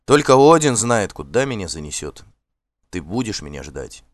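A man reading the lines of a gentle young warrior, kind and softly pleading with a girl he cares for. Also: fairly low pitch, very animated, moderate pace, no room sound.

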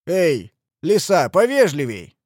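A man's voice: a little high, wildly swooping pitch, slow, dry recording, clean studio sound, exaggerated voice. A man voicing a mock-polite, threatening vigilante leader in a storybook reading. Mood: menacing. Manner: loud, sneering, threatening.

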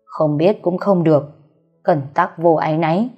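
A woman's voice: low voice, steady tone, normal speed, husky, dull audio. A woman voicing a bitter, cold older mother who scolds her daughter bluntly, read aloud from a story with faint music behind. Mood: stern.

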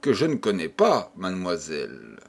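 A man's voice: mid-range voice, big pitch swings, moderate pace. A man voicing a shy, lovestruck young suitor. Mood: earnest pleading. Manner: earnest, pleading.

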